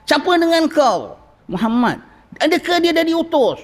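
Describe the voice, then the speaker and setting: Seorang lelaki melakonkan malaikat penjaga pintu langit yang garang, menyoal dengan suara tinggi dan tajam, bergema dalam dewan masjid. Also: male voice, lively intonation, normal speed, slightly rough. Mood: stern. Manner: high sharp questioning voice. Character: stern male angel guarding heaven's gate. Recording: long reverb of a mosque hall.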